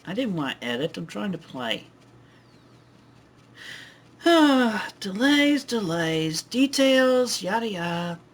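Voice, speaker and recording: A woman's voice: medium pitch, sing-song, slow, long pauses, a little hiss or hum. A woman giving casual, rambling commentary over her own game animation, with offhand asides. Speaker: channel host giving commentary. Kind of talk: casual live-play commentary. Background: faint music.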